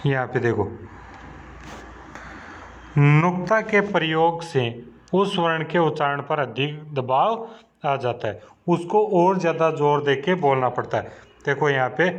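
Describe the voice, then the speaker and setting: A man teaching a lesson to children, asking questions and answering them himself in a patient, repetitive way. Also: on the high side. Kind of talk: slow classroom explanation to children. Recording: dull lo-fi recording.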